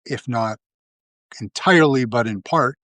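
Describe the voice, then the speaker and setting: A man's voice: mid-range voice, measured pace, a bit bright, no room sound. A man hosting a live video, talking through casual commentary, rambling with lots of fillers and restarts. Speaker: livestream host.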